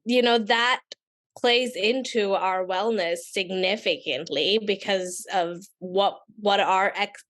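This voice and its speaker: A woman's voice: medium pitch, slow pace, fairly bright tone. A woman in her thirties from Pakistan, speaking on a panel in a chatty way full of fillers. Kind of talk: panel discussion.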